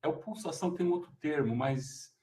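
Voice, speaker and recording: Halting man searching for words. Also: fairly high pitch, warm tone. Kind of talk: casual discussion.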